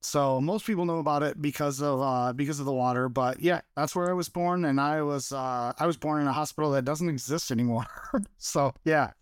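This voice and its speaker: Hesitant man with a smooth voice. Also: a little high, brisk, no room sound. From Michigan. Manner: hesitant, many fillers and restarts, laughs easily. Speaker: podcast guest, photographer. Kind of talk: casual interview chat.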